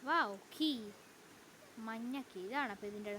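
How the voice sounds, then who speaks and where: A woman's voice: fairly high pitch, measured pace, pushed and bright, a little hiss or hum. A woman YouTuber giving chatty let's-play commentary, talking to her viewers and breaking into frightened outbursts. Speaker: gaming YouTuber.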